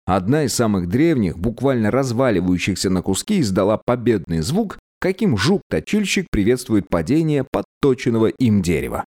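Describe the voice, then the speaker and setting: A man reading an audiobook aloud as narrator, with expressive storytelling delivery. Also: fairly low pitch, normal speed, hardly any pauses. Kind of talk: scripted narration.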